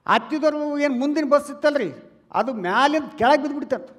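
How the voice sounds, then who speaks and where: A man with a North Karnataka Kannada accent doing stand-up comedy on stage, chatting loudly with the crowd and calling them relatives. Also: extremely high pitch, brisk. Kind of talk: stand-up comedy before a live audience. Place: stage in a large hall. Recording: long hall reverb.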